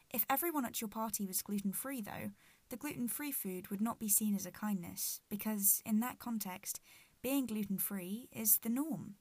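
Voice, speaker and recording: A woman of nineteen narrates a reflective podcast in a measured, articulate way. She talks through gritted teeth, at a middle pitch, in a dry recording with very little room sound. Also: darkish tone, no echo. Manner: speaking through gritted teeth from a sore jaw. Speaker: podcast host.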